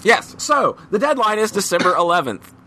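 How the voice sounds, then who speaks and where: A man chats as a podcast host, his voice bright and pitched a little high. He rambles loosely, filling gaps with ums and dropping casual swear words. A faint noise sits under the recording. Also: very animated, normal speed.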